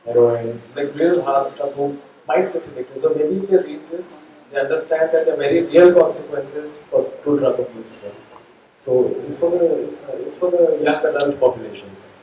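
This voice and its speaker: Deferential Indian man, mellow, in an echoey room. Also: fairly high pitch, normal speed. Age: 30s. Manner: deferential, says "sir" constantly. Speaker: author being interviewed. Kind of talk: live conversation on stage. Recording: echoey room, distant mic, faint noise.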